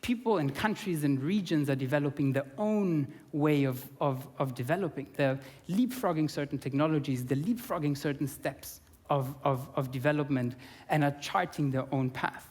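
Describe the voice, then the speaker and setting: Speaking in a large conference hall that adds a long reverb, a young man from Austria gives a sincere talk in a slightly high, somewhat mellow voice. Ums and restarted phrases crop up frequently.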